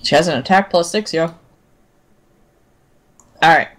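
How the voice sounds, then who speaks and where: A relaxed game master running a tabletop session on a live stream. The talk is loose and chatty, sometimes through a mouthful of food. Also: medium pitch, measured pace. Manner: casual, talks while eating.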